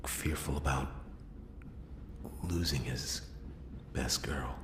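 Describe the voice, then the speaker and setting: A man voicing a world-weary noir detective in an ASMR role-play, brooding and halting, with dramatic pauses and a gravelly, breathy voice. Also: a bass voice, reverberant, noisy background. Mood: searching, uneasy. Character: world-weary male noir detective piecing together a murder.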